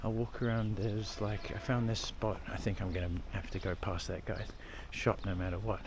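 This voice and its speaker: A man's voice: lowish voice, level tone, moderate pace. Rambling Australian man on a street walk. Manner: rambling, laid-back, swears casually. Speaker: travel vlogger. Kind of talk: casual rambling walk-and-talk. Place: outdoors, old-town streets. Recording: clear street and traffic noise.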